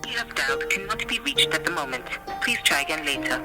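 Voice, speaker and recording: An automated network announcement played as a recorded phone message through a phone speaker, with a flat, scripted and repetitive delivery. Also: medium pitch, quick pace. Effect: recorded phone network message played over a phone speaker. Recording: distant phone speaker under loud music.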